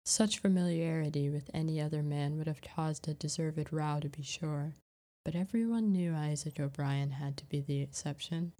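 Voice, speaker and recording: Low, mellow woman narrating a story. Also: moderate pace.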